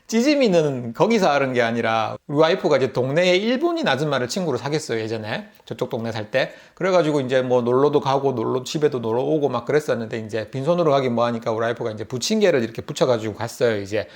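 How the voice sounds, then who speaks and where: A middle-aged YouTube vlogger from Busan, South Korea, speaks with a Gyeongsang accent in a medium-pitched, expressive voice. He talks fast, telling a casual story to the camera, chatty and often laughing.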